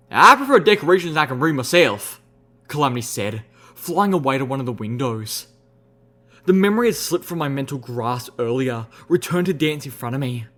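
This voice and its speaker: A young adult man reading a story aloud as an audiobook narrator, steady and expressive. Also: medium pitch. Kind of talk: scripted narration.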